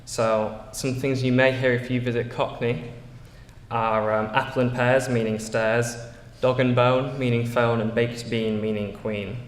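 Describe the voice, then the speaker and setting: A teenage boy with a Yorkshire English accent, from England, gives a prepared school speech earnestly, making small slips and using fillers. He speaks at a measured pace in a level, mid-range voice, and the hall around him echoes with long reverb.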